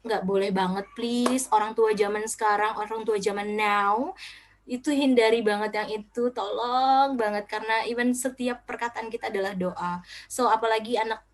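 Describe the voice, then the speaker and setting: A middle-aged woman giving a short parenting talk as a speaker, lively, acting out what parents and children say. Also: medium pitch, normal speed. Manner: lively, acts out quoted child and parent lines.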